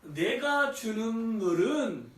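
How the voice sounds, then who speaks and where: High-voiced male pastor preaching in echoey church. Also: sing-song, very slow, a bit bright. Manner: conversational preaching, asks the congregation rhetorical questions. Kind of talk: sermon. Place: church sanctuary. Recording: echoey church, distant from mic.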